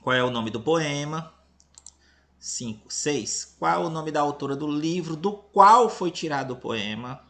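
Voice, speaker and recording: A man's voice: on the high side, expressive, measured pace, pushed and bright. A man from Brazil with a Brazilian accent, reading a school lesson aloud to children and checking in often to see if they follow. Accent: Brazilian Portuguese, Tocantins. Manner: patient, checks in with "entendeu?" and "beleza?"; playful, teasing about giving away answers. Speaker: teacher.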